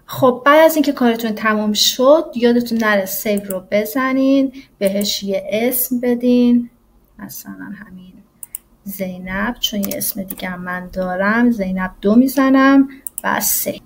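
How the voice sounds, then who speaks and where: A woman English teacher walking through a software tutorial in a casual, explanatory way, often pausing on "uh". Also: on the high side, slight background noise. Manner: casual and explanatory, with frequent "uh" fillers. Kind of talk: screen-recorded software tutorial.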